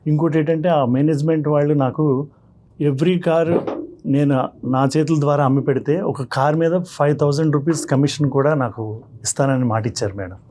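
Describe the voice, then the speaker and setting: A man from Visakhapatnam, India, appears as a guest on a counselling talk show, earnestly and respectfully describing his personal problem. He often addresses the hosts as sir or madam. His voice is on the high side, brisk and warm.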